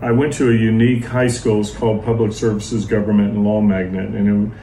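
Low-voiced Texan pastor, flat and dark. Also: male voice. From Dallas, Texas. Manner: measured, steady storytelling. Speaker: pastor, guest. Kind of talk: interview, life story. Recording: echoey, distant mic, faint noise.

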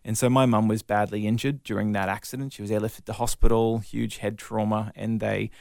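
An Australian man in his thirties, an evangelist, telling his life story in a relaxed interview with a self-deprecating, articulate manner. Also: fairly low pitch, brisk, vocal fry, dry recording, studio quality. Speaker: guest, evangelist.

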